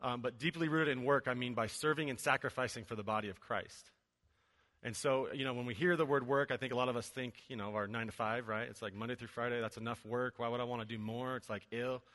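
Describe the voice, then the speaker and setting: The speaker is a man in his forties, both venue director and preacher, giving a casual church sermon that is chatty, joking and full of fillers. His medium pitch is fairly bright, his intonation fairly even and his pace quick. The large church auditorium adds a long hall reverb.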